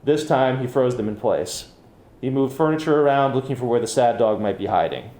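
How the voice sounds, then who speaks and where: A man, an author, reading his own fiction aloud at a public reading with measured, even storytelling. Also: mid-range voice, roomy sound. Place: bookcafe reading event.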